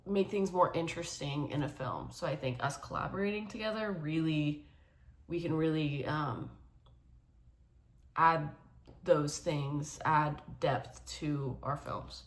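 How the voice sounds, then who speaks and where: A woman in her twenties, a film student, speaking thoughtfully with frequent pauses and fillers. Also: deep voice. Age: 20s. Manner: thoughtful, hesitant, with many fillers. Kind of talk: casual self-introduction.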